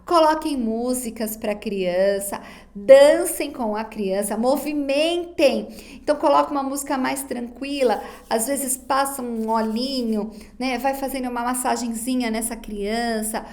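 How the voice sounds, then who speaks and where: High-voiced woman lecturing. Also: a little slow, a little mellow. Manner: didactic, addresses students directly, acts out parents' baby talk. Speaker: psychology lecturer. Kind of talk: recorded online lesson.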